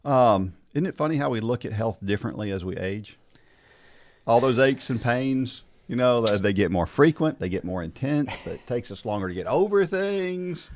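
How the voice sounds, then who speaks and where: A podcast host leads a casual talk show, chatty and encouraging, frequently restarting sentences and ending them with "right?". His mid-range voice is animated and a little mellow, moving at a normal speed.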